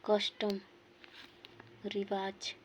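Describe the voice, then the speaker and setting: Speaking extremely slowly and with a completely flat delivery, this woman teaches English pronunciation word by word, saying each one again and giving its meaning. Her voice sits in the mid range, and there's some light hiss or hum on the recording.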